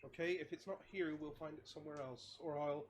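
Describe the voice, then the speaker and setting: A man's voice: a little high, steady tone, a little fast, a little hiss or hum. A man playing a tabletop game, talking casually and rephrasing as they go.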